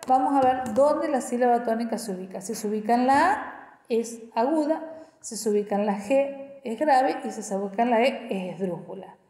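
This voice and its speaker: A woman's voice: a little high, mellow. A woman educational psychologist explaining learning strategies step by step, often checking in with her listeners. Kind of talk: explanatory teaching talk. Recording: echoey room with long reverb.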